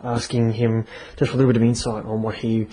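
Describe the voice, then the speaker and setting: A man casually reviewing a comic on his podcast, chatty and halting with many fillers. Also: medium pitch, little pitch movement, dark tone, poor audio. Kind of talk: casual review and story reading.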